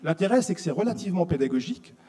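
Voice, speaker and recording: A Frenchman speaks rapid-fire in a high, dark-toned voice with big pitch swings, giving a didactic conference lecture. Rhetorical questions set the pace of his explanation, echoing with the long reverb of a conference hall.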